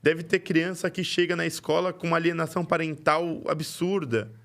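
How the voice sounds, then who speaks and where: A man's voice: on the high side, normal speed, vocal fry. A man hosting a podcast, telling a story in casual chat and acting out the voices in it. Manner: animated, acts out quoted dialogue. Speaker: podcast host.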